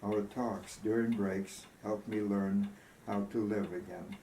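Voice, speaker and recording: A man reading as a slow-speaking, grieving woman. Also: lowish voice, fairly even intonation, vocal fry, dark tone. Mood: tender, wistful. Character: tender, grieving woman recalling her lost love. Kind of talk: storybook reading. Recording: roomy echo, faint background noise.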